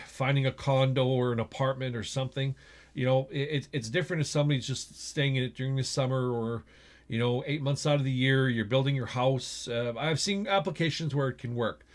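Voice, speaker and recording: A middle-aged man with a Western Canadian accent, talking casually and with opinions in an explanatory vlog, checking in with the listener as he goes, recorded indoors in a small space. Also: mid-range voice. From Edmonton, Alberta, Canada. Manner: conversational, opinionated, often asks "okay?" and "right?". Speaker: vlogger, RV store general manager.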